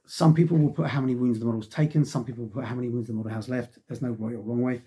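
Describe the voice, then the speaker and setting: Speaking rapid-fire at a medium pitch, this middle-aged man keeps his intonation fairly even, his tone dark and a little breathy. He's getting over a cold that has him losing his voice, and his casual, rambling wargaming magazine review is full of sighs and ums.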